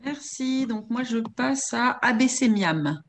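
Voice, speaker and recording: A woman's voice: a little high, animated, slow. A woman moderating an online webinar, relaying audience questions and handing over to her co-presenters on a video call.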